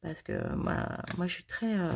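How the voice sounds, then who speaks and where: A woman's voice: lowish voice, wildly swooping pitch, measured pace, gravelly. A woman chatting to viewers as she unboxes craft mail, bubbly and self-mocking, gushing over each item. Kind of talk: casual chat to viewers. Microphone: phone.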